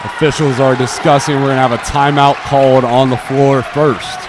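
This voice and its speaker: Calling a basketball game live, a teenage or young adult male student uses clipped phrases that follow the action, his medium-pitched voice barely moving in pitch at a moderate pace. Crowd noise, gym ambience and bouncing balls fill the background.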